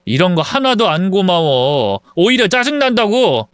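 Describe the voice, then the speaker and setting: A man's voice: high-pitched, big pitch swings, measured pace, clean tone, no echo, clean studio sound. A man voicing an irritated grown son who answers his mother with curt, impatient retorts in a story reading.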